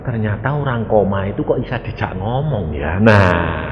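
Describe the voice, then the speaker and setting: Animated preacher in an echoey hall. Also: male voice, fairly low pitch, normal speed, muffled recording. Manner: animated, acts out quoted voices, sudden shouts. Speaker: evangelist preacher. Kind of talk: sermon with storytelling. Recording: echoey hall with faint noise.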